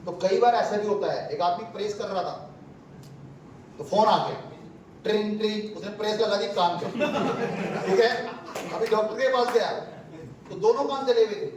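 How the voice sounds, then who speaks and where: A man speaks in a high voice, telling stories to a seminar crowd and acting out the people in them. He sounds distant, caught from across a very echoey hall. A faint hiss sits under his voice. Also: normal speed, pauses often. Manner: storytelling, acts out callers' voices, laughs often. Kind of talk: lively talk to an audience with anecdotes.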